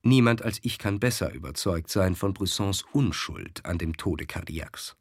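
A man's voice: low voice, animated, moderate pace, breathy edge, no room sound, studio quality. A man voicing a proud army officer who speaks earnestly and with emphasis. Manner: earnest, emphatic soldierly speech.

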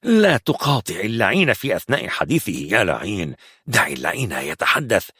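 A man voicing a coarse, swearing gang member with a gravelly, raspy voice. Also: on the low side, sing-song, fairly quick, bright, forceful tone, no room sound, clean studio sound, full character voice. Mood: gruff. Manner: gruff, swearing. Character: coarse, cursing male gang brother. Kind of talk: audiobook narration.

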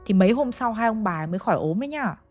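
A young woman with a Hanoi accent talks fast and animatedly through a ghost story, turning to her listeners directly in a chatty way. Her mid-range voice has a darkish tone, and faint music sits behind her.

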